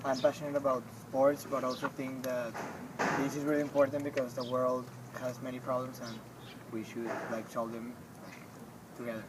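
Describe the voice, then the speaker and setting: A man's voice: medium pitch, flat delivery, normal speed. A man from Mexico introducing himself at a workshop, hesitant and plain-spoken. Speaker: workshop participant. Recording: noisy room with a distant mic.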